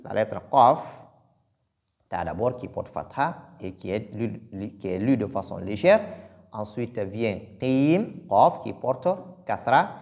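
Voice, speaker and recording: Slow, lively-pitched male recitation teacher. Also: creaky. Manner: deliberate, repeats sounds to demonstrate them. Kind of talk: pronunciation lesson.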